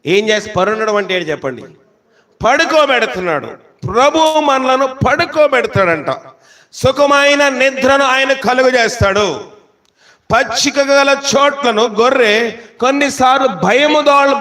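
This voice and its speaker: High-voiced man preaching a sermon. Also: fairly bright tone. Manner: preaching with rhetorical questions and slow emphatic scripture quotes. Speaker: pastor.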